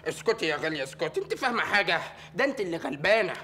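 A fretful, animated Egyptian son. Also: male voice, sits high, racing. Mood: complaining. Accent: Egyptian Arabic. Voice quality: animated, complaining, comic. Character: exasperated young male lawyer, grumbling son. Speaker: actor in a TV comedy series.

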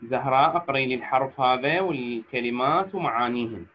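Husky Iraqi man teaching an online class. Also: medium pitch. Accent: Iraqi Arabic. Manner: patient, repeats phrases slowly to model pronunciation. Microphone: computer or phone mic on a video call. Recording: lo-fi online call audio.

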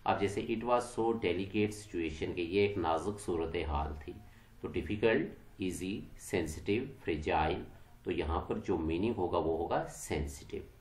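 A man's voice: low-pitched, measured pace, darkish tone, roomy sound. A man teaching an exam-prep English lesson, mixing English terms into his explanations and asking and answering his own questions.

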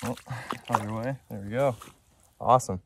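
A man's voice: fairly low pitch, fairly even intonation, normal speed, vocal fry, background noise. A young man chatting casually outdoors on a frozen lake, explaining his fishing with easygoing enthusiasm to a nearby camera. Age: young adult. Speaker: fishing vlogger. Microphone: camera on the ice nearby.

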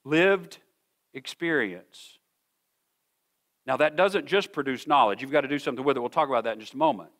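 A middle-aged man preaching a sermon in a church, emphatic and earnest, repeating words as he builds a point. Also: medium pitch. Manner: slows to a soft, measured pace for scripture reading. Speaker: senior pastor. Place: church sanctuary.

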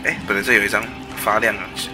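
A man with a low voice and a Taiwanese Mandarin accent streams a video game. He talks casually to himself and reads on-screen text aloud in halting pieces. Game music plays clearly behind him. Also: level tone. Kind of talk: casual let's-play commentary. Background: video game music and sounds.

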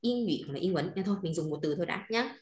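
Teaching Chinese with a Northern Vietnamese accent, this woman stays patient and keeps confirming her students follow along with short questions. She has a somewhat low, darkish voice with lively intonation, heard in a room with noticeable echo.

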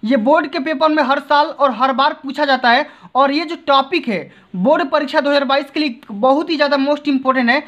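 A man's voice: extremely high pitch, normal speed, hardly any pauses, a bit bright. A man teaching an exam-prep lesson at his desk, coaxing students along and often checking they follow. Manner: coaxing, keeps repeating check-in tags. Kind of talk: tutorial explaining to students. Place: desk seen from above, indoors. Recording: dull lo-fi phone recording.

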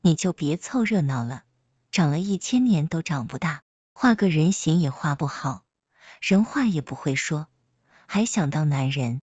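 A woman's voice: low-pitched, lively intonation, normal speed, a little mellow, dry recording, highs cut off. A woman reading a story aloud, voicing a hot-tempered young celestial dragon girl who scolds shrilly. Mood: scolding.

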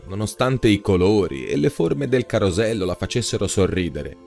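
A man narrating a short story in a scripted, expressive storytelling manner. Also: fairly low pitch. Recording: soft background music.

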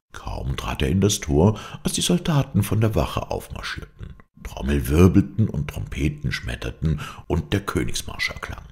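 A man reading a fairy tale aloud, expressive and dramatic. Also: rumbling low, gravelly. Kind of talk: storybook narration.

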